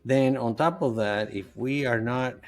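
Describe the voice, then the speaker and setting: A middle-aged man whose first language is Spanish speaks earnestly and loosely as a guest in a conversational podcast interview; he's a nutritionist and health coach. His voice is medium in pitch and unhurried, with faint music in the background.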